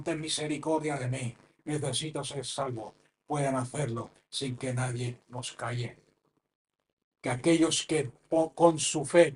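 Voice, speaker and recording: A man from preaching a sermon, swinging between loud impassioned cries and low, hushed phrases. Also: slight background noise.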